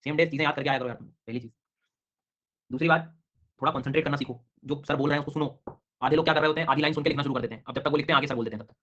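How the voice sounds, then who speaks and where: A man runs an online geography class, talking very fast and calling on students by name. His comes through as he explains and questions them. The recording is dull and lo-fi. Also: fairly high pitch, fairly even intonation, a bit bright. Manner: brisk, quizzing students by name. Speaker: teacher.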